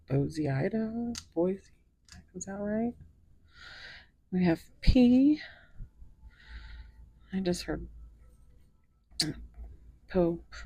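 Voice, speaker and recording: A woman's voice: mid-range voice, warm tone, breathy edge, no echo. A woman giving a casual tarot reading, musing aloud and slipping into whispers as she lays out cards. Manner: slow, musing, drifts into whispers while pulling cards. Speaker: tarot reader.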